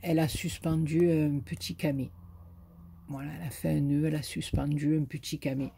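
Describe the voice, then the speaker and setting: A woman's voice: sits low, little pitch movement, moderate pace, gravelly, dark tone, slight background noise. A woman with a southern French accent, a YouTuber chatting to camera as she shows greeting cards she was sent, effusive and full of fillers. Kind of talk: casual chat to camera.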